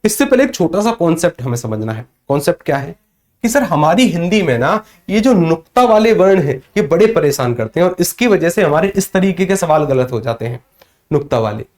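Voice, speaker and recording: A man's voice: fairly high pitch, very animated, a little fast, darkish tone. A man teaching Hindi in a live online class, who asks questions and answers them himself, often calling his students sir. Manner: addresses students as sir, reads out chat comments.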